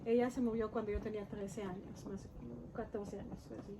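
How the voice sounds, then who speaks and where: An Israeli woman author, a native Hebrew speaker with an Israeli accent, chats casually as an interview guest against a noisy background. Her mid-range voice stays level in tone, and she speaks haltingly, pausing to search for words in Spanish.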